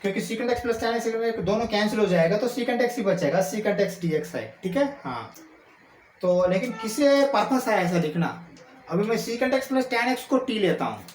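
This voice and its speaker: A man teaching calculus, checking in often with quick questions and slowing down to dictate formulas. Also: high voice, lively intonation. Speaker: maths teacher. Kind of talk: explaining calculus while writing. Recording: echoey room with faint ambient noise.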